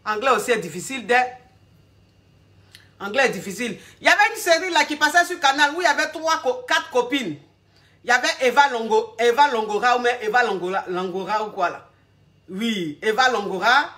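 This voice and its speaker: During a casual live talk, a relationship coach speaks familiarly and directly to her audience, rambling as she gropes aloud for words. Her voice is slightly high, expressive, pushed and bright, and fairly quick.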